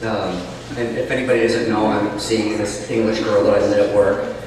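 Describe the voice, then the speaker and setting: A man's voice: on the low side, little pitch movement, normal speed, a little mellow, distant mic, slight background noise. A man chatting and then reading his own novel aloud, sounding like he is in a cave through a cheap mic. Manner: chatty, rambling asides. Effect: cave-like echo.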